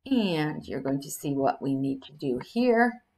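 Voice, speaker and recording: A woman's voice: sits low, sing-song, unhurried, a little mellow. An older woman teaching a recorded screen-share lesson, explaining an assignment step by step and reading instructions aloud, with fillers and self-corrections. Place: indoors at a computer.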